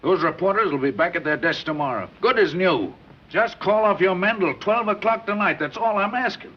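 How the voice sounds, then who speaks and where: An actor playing a slick big-city gangster who bargains with the police in tough street slang. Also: male voice, high-pitched, animated, a little fast, breathy edge. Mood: pushy, pleading. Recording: dull old 1930s film soundtrack, faint hiss.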